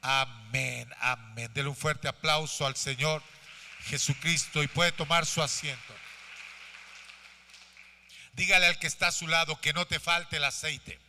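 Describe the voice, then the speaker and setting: High, bright-voiced preaching pastor. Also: male voice, fairly even intonation, normal speed, pauses often. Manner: preaching with rising fervor and calls to the congregation. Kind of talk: sermon. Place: church sanctuary. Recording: long church hall reverb.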